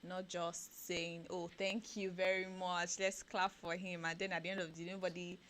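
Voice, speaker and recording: In a radio studio, a Nigerian woman with a low voice co-hosts a breakfast show, reading out headlines and then discussing them with animated commentary that rises when she gets excited. She speaks Nigerian English at a moderate pace, with a little hiss or hum audible.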